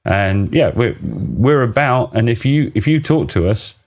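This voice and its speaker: A man co-hosting a podcast, talking in a rambling, excitable way with frequent laughs. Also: medium pitch, measured pace. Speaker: podcast co-host. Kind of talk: casual podcast chat.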